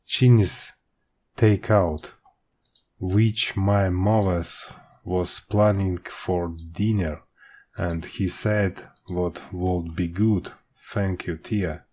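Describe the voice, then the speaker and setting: A man with a Russian accent narrates an audiobook in a low-pitched voice. His pace is extremely slow and halting. He stumbles on words here and there and repeats them as an amateur reader would. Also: fairly even intonation, darkish tone.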